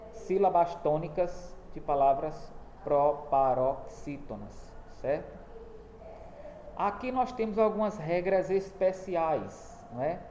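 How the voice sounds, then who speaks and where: A man's voice: a little high, dark tone. Man teaching a lesson in an echoey room. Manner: explanatory, repeating points with tag questions. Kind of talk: recorded classroom lesson. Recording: echoey room with faint background noise.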